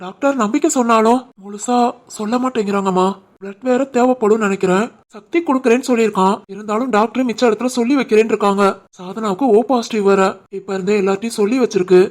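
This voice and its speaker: A woman voicing a young husband and shopkeeper, teasing but caring, with a Tirunelveli Tamil accent in an animated family story. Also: mid-range voice, fast talker, natural voice. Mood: worried. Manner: teasing banter, turns soft and worried.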